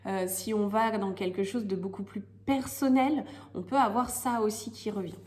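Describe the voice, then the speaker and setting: A woman's voice: medium pitch, steady tone, moderate pace, a little mellow. A woman with a slightly cracked voice from a head cold, chatting casually and searching for words as she reads tarot cards. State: has a lingering head cold. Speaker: tarot reader hosting monthly horoscope videos. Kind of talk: casual chatty card-reading commentary. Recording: clearly noisy recording with clicks.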